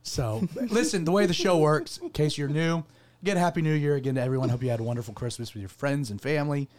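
This pastor hosting a radio show has a slightly high, darkish voice and talks fast, cracking because he has lost his voice. He rambles good-humouredly with plenty of fillers, recorded on a studio mic.

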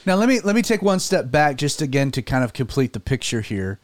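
A man's voice: medium pitch, sing-song, a little fast, no room sound. A man hosting a casual podcast conversation, a chatty interviewer who often jumps in. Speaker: host. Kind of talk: casual chat.

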